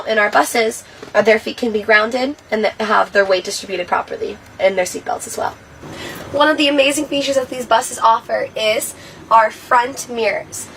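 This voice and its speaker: A woman's voice: on the high side, a bit bright. A woman presenting a safety training video, explaining and demonstrating to viewers in an instructional walkthrough style. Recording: distant mic, clearly noisy ambience.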